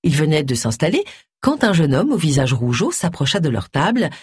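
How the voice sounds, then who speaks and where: An audiobook narrator giving an expressive reading of a novel on a close studio mic. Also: medium pitch, fairly quick, slightly rough, no echo.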